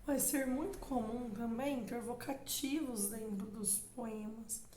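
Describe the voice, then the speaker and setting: A young Brazilian woman gives a literature class, speaking slowly and deliberately as she reads poetry aloud and talks straight to her students. Her voice sits fairly high, and the room around her gives it a noticeable echo. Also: warm tone, a little hiss or hum. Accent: Brazilian Portuguese. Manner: explains slowly, addresses students directly, reads verse with emphasis. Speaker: literature teacher. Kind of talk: exam-prep literature lesson with poem reading. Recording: echoey room.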